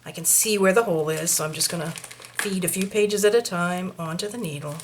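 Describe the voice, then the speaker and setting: A middle-aged woman with a Maine accent talks through each step of a hands-on craft tutorial, muttering asides to herself. Her voice is on the low side and fairly quick, captured in a noisy home recording with clicks.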